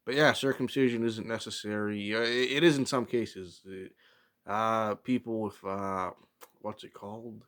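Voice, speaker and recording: A man giving a rambling, casual opinion talk as a solo vlogger, hesitant and often pausing to search for words. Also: fairly low pitch, steady tone, fairly bright tone.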